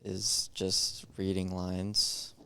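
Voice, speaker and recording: Low gravelly guy cohost, smooth resonant tone, laid back movie chat. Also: completely flat delivery, extremely slow, bright, forceful tone, no echo. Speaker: podcast co-host. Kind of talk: casual chat.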